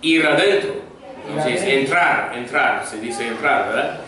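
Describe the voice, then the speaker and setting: This man's voice sits mid-range and sounds animated, moving at normal speed. He patiently drills vocabulary in a Koine Greek grammar class, asking students to repeat after him, captured from a distant mic in an echoey room with faint noise.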